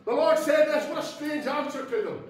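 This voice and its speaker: A Northern Irish man, a pastor preaching an impassioned sermon that swings from soft asides to shouted exclamations. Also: very high voice, moderate pace. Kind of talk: fiery Pentecostal sermon. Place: church hall. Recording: very echoey hall from far off.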